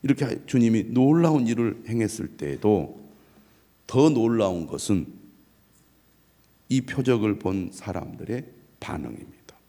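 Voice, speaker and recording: A middle-aged man, a pastor, preaching an early morning sermon in a measured way and reading scripture aloud. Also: lowish voice, sing-song, warm tone.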